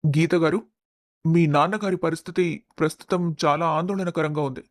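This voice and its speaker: A man voicing a serious hospital doctor in a storybook, giving bad news in a measured, formal way. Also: on the high side, fairly even intonation, no room sound, clean studio sound, close to an everyday voice. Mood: grave. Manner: grave, formal. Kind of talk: storybook voice acting.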